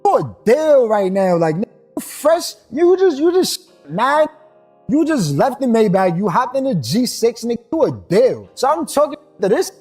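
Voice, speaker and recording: A man tells a long, rambling story in a high voice, checking in with his listener again and again. His talk is loose and streetwise. Faint music plays behind him. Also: big pitch swings, moderate pace, a little mellow, slightly rough. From New York. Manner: rambling, streetwise, keeps asking "you heard?". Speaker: storyteller in a played clip. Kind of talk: casual storytelling.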